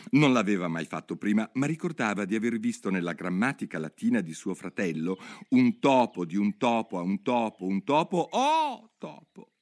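A man narrating a children's story aloud in an expressive, animated way. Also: sits low.

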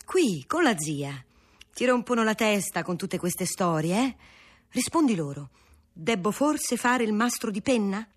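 A woman's voice: mid-range voice, animated, a little slow. A woman voicing a blunt, mocking old spinster aunt who speaks sarcastically and dismissively. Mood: scornful.

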